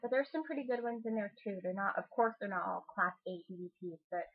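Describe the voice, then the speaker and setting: A woman in a casual vlog, excited and rambling, filling pauses and swearing freely. Her voice sits at a middle pitch with a slightly husky edge. The sound is thin and lo-fi, like a phone line. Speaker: YouTube channel host.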